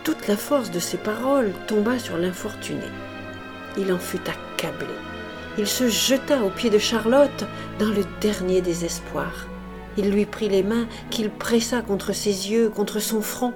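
A woman giving an expressive, dramatic audiobook reading of a classic novel, with music behind. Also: medium pitch, unhurried. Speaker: audiobook reader.

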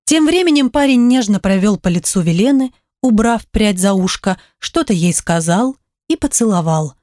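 A woman narrating an audiobook in an even storytelling voice. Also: medium pitch, normal speed, no room sound, studio quality. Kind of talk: scripted narration.

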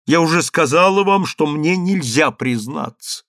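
A man's voice: fairly high pitch, lively intonation, unhurried, a bit bright, no room sound, studio quality, pitched above the performer's own voice. A man voicing a young woman who pleads tearfully with her mother in a storybook reading. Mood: desperate pleading.

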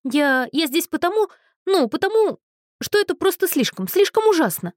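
A woman's voice: high-pitched, normal speed, dry recording, studio quality, pitched above the performer's own voice, lightly acted. A woman voicing a tearful, jilted young woman who sobs and wails. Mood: weeping, pleading. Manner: sobbing, wailing.

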